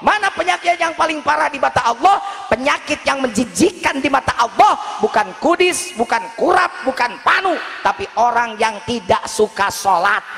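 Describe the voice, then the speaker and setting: High gravelly preacher, booming hall. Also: male voice, normal speed, soft background music. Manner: shouting, animated and joking. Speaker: Islamic preacher. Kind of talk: sermon. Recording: long hall reverb.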